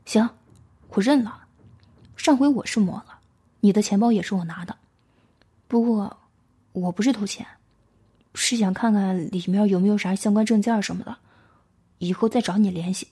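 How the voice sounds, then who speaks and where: A woman's voice: mid-range voice, moderate pace, pauses often, dark tone, slightly rough. A woman voicing a blustering pickpocket man in his thirties with a Northeastern Chinese accent, defensive and playing dumb.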